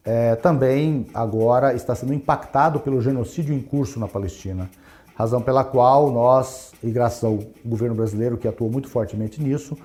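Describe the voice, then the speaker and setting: A man's voice: medium pitch, warm tone. A man who leads a community organization, giving a formal, earnest statement with some hesitations. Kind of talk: statement to a radio program.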